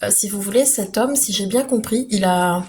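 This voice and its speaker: A woman's voice: medium pitch, moderate pace, a little mellow. Woman vlogger, casual and rambling, fillers galore, faint household noise behind. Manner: chatty, many fillers and restarts, laughs easily. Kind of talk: casual vlog chat.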